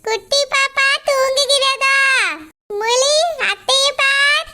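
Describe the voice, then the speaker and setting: A woman plays a sweet young cartoon bride with a very high voice, speaking in careful, formal phrases over a noisy track. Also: fairly even intonation, takes it slowly. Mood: gentle. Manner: formal, soft-spoken.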